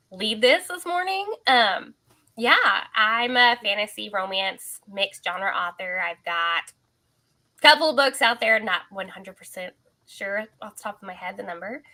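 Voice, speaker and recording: A woman's voice: mid-range voice, bright, forceful tone. A woman chatting informally and a little ramblingly as an author introducing herself on a panel. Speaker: fantasy romance author on panel. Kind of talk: casual chat. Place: home office and playroom.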